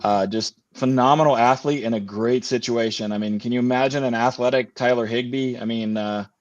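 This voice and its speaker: A man's voice: mid-range voice, fairly even intonation, brisk, dry recording. A man chatting casually as a podcast guest, circling back on his own words with frequent fillers and restarts. His voice comes through dull and lo-fi over a video call. The sound is dry, with no room around it. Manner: rambling with many restarts and fillers. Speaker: guest fantasy football player. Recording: dull lo-fi remote audio.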